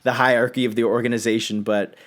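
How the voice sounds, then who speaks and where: A man's voice: medium pitch, little pitch movement, fast talker. Young male vlog host, earnest and direct, coaching straight to camera. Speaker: self-improvement video host. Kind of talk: casual instructional vlog.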